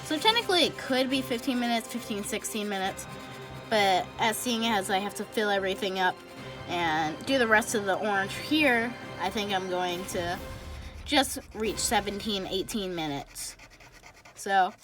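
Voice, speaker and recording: A woman hosting a drawing channel, chatting and thinking out loud as she colors, often correcting herself mid-sentence. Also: medium pitch, normal speed, music in the background. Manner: rambling, chatty, talks while coloring. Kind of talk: casual drawing tutorial narration.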